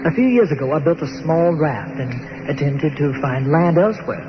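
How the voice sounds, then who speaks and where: In old time radio style, an actor plays a courteous, earnest nineteenth-century archaeologist stranded on an island, telling his story formally and haltingly. His natural voice is on the high side with lively intonation, carrying a mood of wistful wonder. The recording sounds muffled, like a radio show, with music behind him.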